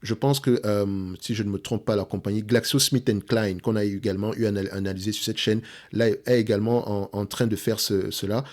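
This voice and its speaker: A lower-pitched man walks viewers through a company's documents in a screen-share stock analysis. He stumbles and repeats himself, and keeps asking "ok?" and "d'accord?". His first language is French, and it shows in his English accent. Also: steady tone, brisk, a little mellow. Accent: French speaker's accent in English. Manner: hesitant, repeats words, checks in with "d'accord?" and "ok?". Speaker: investment analyst, channel host.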